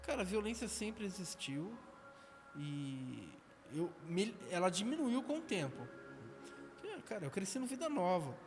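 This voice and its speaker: A man's voice: high voice, big pitch swings, measured pace, music in the background. A man with a Brazilian accent, a podcast guest telling stories from his life in a slangy, darkly humorous way. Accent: Brazilian Portuguese. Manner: storytelling, slangy, dark humor. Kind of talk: casual testimony and chat. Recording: noisy recording.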